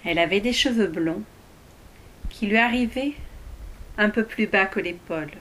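A woman narrating a fairy tale aloud in a slow, expressive storybook style. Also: mid-range voice.

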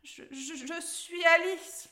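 A woman's voice: high voice, lively intonation, normal speed, pushed and bright, pitched above the performer's own voice. A woman voicing a curious, eager little girl heroine in a storybook reading.

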